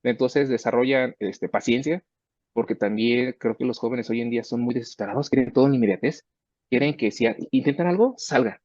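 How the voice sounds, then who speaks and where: A man's voice: mid-range voice, fairly quick, a little mellow, no room sound. A man speaking conversationally about mentoring research students, often acting out what he and his students say to each other. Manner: conversational, acts out student dialogues. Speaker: research professor. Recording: dull, dry sound.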